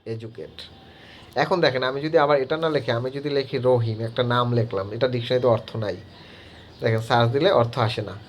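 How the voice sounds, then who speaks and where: A man in a teacher's role talks students through a screen-recorded app tutorial at a middle pitch. He halts often and leans on filler words as he explains each step. A faint hum sits behind his voice. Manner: halting, heavy use of filler words.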